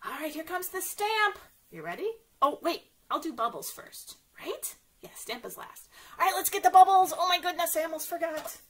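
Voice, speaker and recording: Extremely high in pitch, her voice has lively intonation, a bit of brightness, and a moderate pace. She's a children's librarian running interactive story time, supportive and sing-song, frequently quizzing the young audience directly.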